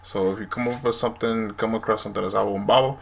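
Gravelly low-voiced young man. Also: fairly even intonation, fast talker. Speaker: language video host. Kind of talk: casual explainer to camera. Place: small room at home, indoors. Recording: noisy room recording.

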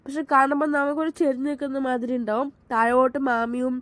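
A woman's voice: high voice, steady tone, quick pace, dry recording. A Malayali woman from Kerala narrating her family outing in a chatty, enthusiastic voice-over, with frequent restarts. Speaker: family vlogger.

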